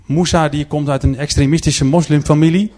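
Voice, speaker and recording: A man's voice: fairly high pitch, steady tone, brisk, dark tone. A man presenting to an audience, speaking earnestly with frequent filler sounds while he talks through a series of pictures. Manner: earnest storytelling. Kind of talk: church-style presentation with slides.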